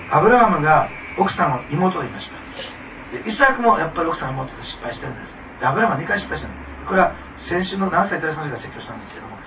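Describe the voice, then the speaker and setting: A man's voice: a little high, sharp tone. A man preaching a sermon, talking to the congregation in a conversational way, laughing often and asking them questions. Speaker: pastor. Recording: distant mic with clear background noise.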